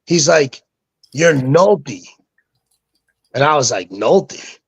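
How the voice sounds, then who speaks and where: A slightly high, creaky and husky male voice comes through at a slow pace. The speaker is a young NFT co-founder appearing as a guest, loosely telling slangy anecdotes and mimicking others when he quotes them.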